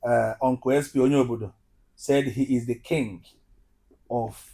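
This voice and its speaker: A man's voice: mid-range voice, steady tone, measured pace, gravelly, dark tone, husky. A man with a Nigerian Igbo accent, interviewing casually.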